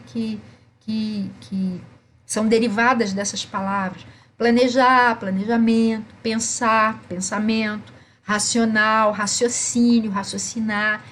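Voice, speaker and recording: A woman's voice: mid-range voice, fairly bright tone, a little hiss or hum. A woman presenting a teaching webinar, tagging her sentences with "né?" and reading out lists of words. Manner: frequent "né?" tags, lists words.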